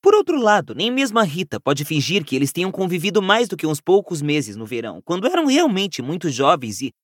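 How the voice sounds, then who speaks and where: Brief: Brazilian man doing an earnest teen witch girl for an audiobook, pleading, voice swooping lively and raised. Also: on the high side, a little fast, dry recording, clean studio sound, voice pushed up. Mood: troubled, explaining. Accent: Brazilian Portuguese. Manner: pleading, explaining patiently. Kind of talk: audiobook character voice.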